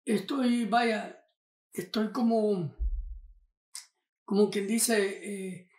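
An older man from Honduras, a podcast guest talking casually in a halting way with many fillers and restarts. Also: high-pitched, darkish tone, roomy sound. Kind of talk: casual interview conversation.

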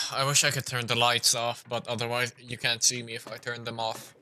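A man's voice: mid-range voice, flat delivery, normal speed, pushed and bright. A young man commenting on his gameplay live from a small room, rambling and confused, stumbling over repeated words. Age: young adult. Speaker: streamer. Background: game music.

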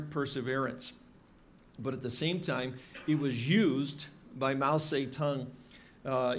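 Pastor, man in his 50s, mid-pitched, easygoing sermon delivery full of fillers, lectern mic in a church. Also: slight background noise. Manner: conversational, many fillers and restarts. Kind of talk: expository sermon. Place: church stage with drum kit behind.

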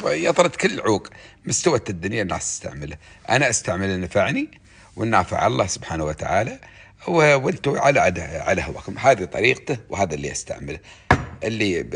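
A man with an Emirati accent talking casually to his audience, giving rambling, preachy advice that jumps up in pitch and loudness. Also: gravelly, slightly rough. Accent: Emirati Gulf Arabic. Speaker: social media host.

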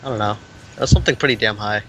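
A man's voice: lowish voice, fairly even intonation, fast, sharp tone, slight background noise, rough recording. A young man chatting offhandedly during a game, swearing casually. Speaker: gamer, duo partner. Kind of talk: casual gaming chat.

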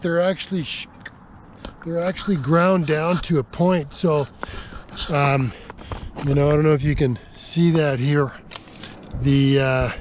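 Slow, halting middle-aged man outdoors. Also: on the high side, noisy background. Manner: relaxed, halting, many fillers and restarts. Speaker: DIY vlogger. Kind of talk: casual show-and-tell vlog. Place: outdoors on a frozen lake in the mountains. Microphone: action camera held close or mounted nearby.

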